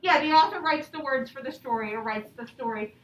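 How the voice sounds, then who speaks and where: Guiding young children through a lesson and a storybook, a high-voiced elementary teacher speaks fairly quickly. She instructs clearly and frequently asks questions to check in. The audio is roomy and somewhat far from the microphone, carrying faint noise.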